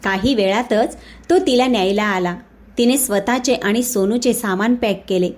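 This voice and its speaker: A woman narrating a family story in the first person, reading in a steady, plain way. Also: mid-range voice, moderate pace.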